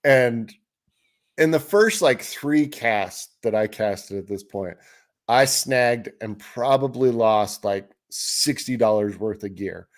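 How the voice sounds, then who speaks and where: A man's voice: mid-range voice, slow. A man co-hosting a fishing show, telling a story casually and acting out what people said. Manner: animated storyteller, acts out quotes, laughs while telling. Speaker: podcast co-host.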